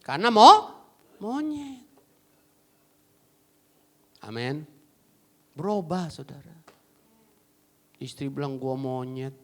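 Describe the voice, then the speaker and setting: A male pastor preaching a lively sermon, swinging between loud exclamations and quiet asides and acting out quotes. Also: sits high, slow pace, long pauses. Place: church service.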